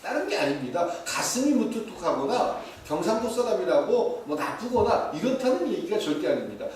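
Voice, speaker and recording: A man preaching a sermon as pastor, lively and playful, mimicking short dialect phrases. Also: high voice, fairly quick. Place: church sanctuary. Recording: echoey, distant, faint hiss.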